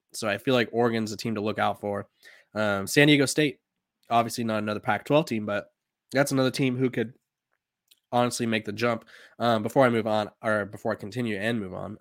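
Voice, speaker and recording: A man's voice: on the low side, fairly bright tone, dry recording, studio quality. A young man in his twenties hosting a sports podcast, talking casually with lots of fillers and restarts. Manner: rambling, filler-heavy, many "um"s and restarts. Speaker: podcast host.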